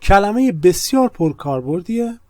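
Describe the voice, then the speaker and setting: A man whose first language is Persian teaches an English grammar lesson in a slightly raised voice. The sound is close and dry, with no room around it. He talks quickly when he explains and slows to a careful, deliberate pace when he reads the example sentences. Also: high-pitched, sing-song, a little mellow, no room sound.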